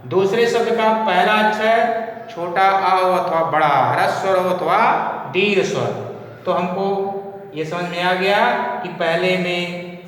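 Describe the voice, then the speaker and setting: A male teacher giving a slow classroom lesson, asking the class questions and then answering them himself. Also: sits high, fairly bright tone. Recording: echoey hall, distant mic.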